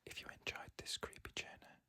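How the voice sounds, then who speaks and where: With slow, measured phrasing, an ASMR storyteller narrates creepy stories in the first person, speaking only in a soft whisper that has no voiced sound.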